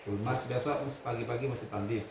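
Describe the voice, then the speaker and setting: A man leading a religious lesson for students, reading Arabic text, explaining it and quizzing his class in a lively way. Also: medium pitch, fast talker, creaky. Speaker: pesantren leader teaching students. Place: hall at a pesantren. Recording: echoey room with background noise.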